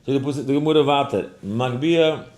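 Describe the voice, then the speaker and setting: A man with a fairly low voice teaches a daily study class as a rabbi. He tells a personal story in an animated way, with lively storytelling. The recording has a roomy echo. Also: moderate pace. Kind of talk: lesson with a told personal story.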